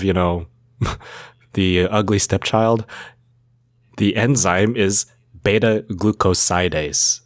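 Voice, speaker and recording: A man's voice: deep voice, dry recording, clean studio sound. A man co-hosting a casual educational podcast, walking through medical facts with playful mnemonics. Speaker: podcast co-host.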